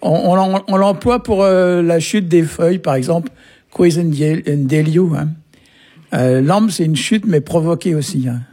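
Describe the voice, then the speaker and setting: A man's voice: on the high side, unhurried, dark tone. A man from Brittany, a language teacher, patiently explaining words on a radio lesson. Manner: patient, explanatory, peppers talk with short tags.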